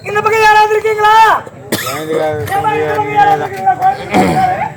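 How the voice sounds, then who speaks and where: A man in a street theatre troupe playing a tender young village woman about to marry, with a loud, declamatory stage delivery. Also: extremely high pitch, a little fast. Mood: soothing. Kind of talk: outdoor street theatre acting. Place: outdoor street stage with a crowd. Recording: noisy outdoor crowd recording.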